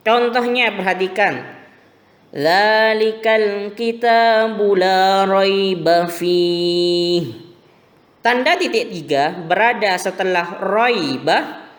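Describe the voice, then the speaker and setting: A man teaching a recorded religion lesson to primary school pupils, explaining slowly and patiently. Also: high voice, a bit bright, big-room sound. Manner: slow, patient explaining to children.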